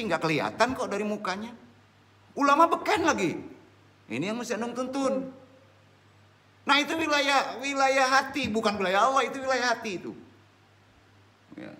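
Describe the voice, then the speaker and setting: Animated preacher, bright voice. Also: male voice, high-pitched. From West Sumatra, Indonesia. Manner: animated, questioning the audience. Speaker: religious teacher. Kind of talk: informal Islamic study talk.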